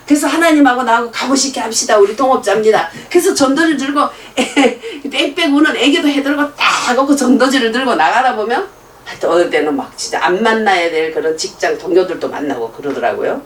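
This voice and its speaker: A woman's voice: on the high side, fairly quick. A middle-aged woman preaching a sermon, telling stories and acting out both sides of conversations, laughing often. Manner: animated, acts out dialogue in different voices, laughs often. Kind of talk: sermon with storytelling. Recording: echoey room picked up from a distance.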